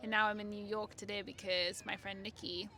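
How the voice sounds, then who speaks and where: A woman's voice: medium pitch, level tone, a little fast, pushed and bright. A young English woman from the northeast of England, chatting and laughing in a casual street interview. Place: city street outdoors.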